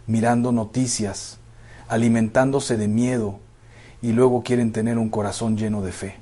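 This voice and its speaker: A man preaching a sermon to parents, addressing listeners as brothers and sisters in a slow, emphatic pastoral manner. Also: on the low side, mellow, husky.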